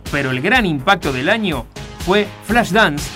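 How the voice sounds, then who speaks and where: Narrador argentino de voz aguda con música. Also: male voice, sits high, expressive, measured pace, sharp tone, faint music behind. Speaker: documentary narrator. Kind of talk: scripted narration of a year in review.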